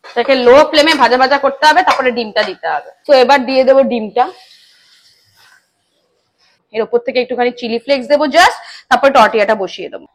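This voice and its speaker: A young woman chatting casually to her viewers in a vlog, mixing English phrases into her talk while filming on a phone. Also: a little high. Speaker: lifestyle vlogger. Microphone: phone camera.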